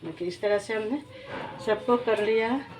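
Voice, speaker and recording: A woman's voice: fairly high pitch, moderate pace, noisy background. A woman, hosting a home cooking demonstration in a homely, repetitive way, often restarting her words. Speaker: cooking channel host.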